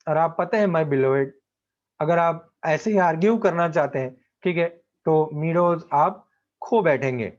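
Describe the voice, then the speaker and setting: A man's voice: on the high side, measured pace, dull audio, lightly acted. A man voicing a stubborn, condescending older male landowner from a play. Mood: patronising. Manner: condescending, calling the other "darling".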